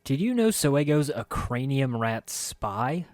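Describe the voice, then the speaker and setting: A man's voice: mid-range voice, very animated, slow pace, darkish tone, dry recording, studio quality, pitched above the performer's own voice. Man playing a plain-spoken adventurer. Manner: matter-of-fact, informal explaining.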